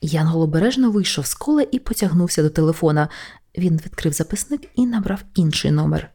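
A woman narrating an audiobook in a lively, wry storytelling manner. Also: low-pitched, quick pace, husky. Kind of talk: scripted narration.

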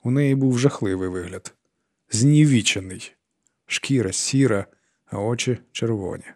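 Man narrating in a mellow voice. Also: medium pitch, a little slow. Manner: calm, even storytelling. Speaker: audiobook narrator. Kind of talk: scripted narration.

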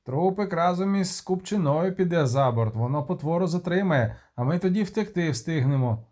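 A man's voice: a little high, lively intonation, moderate pace, a little mellow. A man reading the part of a stubborn male sailor in an audiobook, speaking bluntly and defiantly. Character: stubborn male sailor, set on throwing cargo overboard.

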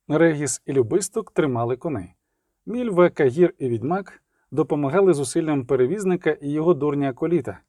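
Dark-voiced male audiobook narrator. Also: on the high side, no echo, clean studio sound. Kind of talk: scripted narration.

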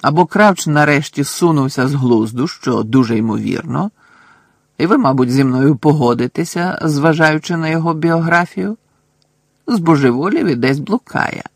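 A man with a gravelly, husky voice reading a story aloud and playing a pompous, defensive middle-aged male minister of magic in a blustering, dismissive way. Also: a little high, expressive, moderate pace, no echo, exaggerated voice.

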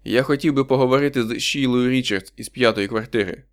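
A man's voice: medium pitch, a little fast, clean tone, close to an everyday voice. A man reading an audiobook, voicing a desperate poor husband, tense and pleading.

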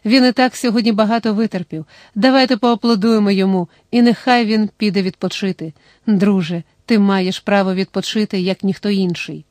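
A woman's voice: mid-range voice, fairly even intonation, brisk, darkish tone, no echo, natural voice. A woman reading the lines of a male political candidate, speaking in an oratorical way to a crowd. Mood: rousing.

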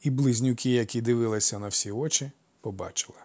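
A man narrating a story aloud in a measured, expressive storytelling manner. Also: mid-range voice, no echo. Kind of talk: audiobook narration.

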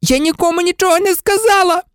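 Man doing a high shrill teenage girl, shrieking, frantic, sharply accusing. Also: expressive, slow pace, no room sound, clean studio sound, heavily acted.

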